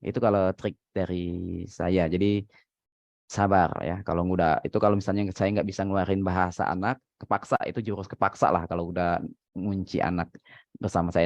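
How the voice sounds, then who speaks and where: A man's voice: low voice, darkish tone, no echo. A man, a father, casually giving parenting advice in a chatty way, laughing often and using many fillers. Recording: dry, dull lo-fi sound.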